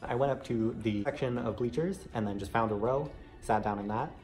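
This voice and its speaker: Over background music, a vlogger recounts an audition in a casual, chatty way, often dropping "like" into his sentences. His voice is mid-range and fairly quick.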